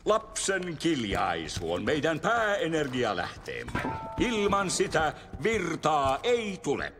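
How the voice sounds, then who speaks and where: An actor voicing a stern, formal elderly male monster boss who lectures his trainees, in an animated film dub. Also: a little high, over loud music. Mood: lecturing.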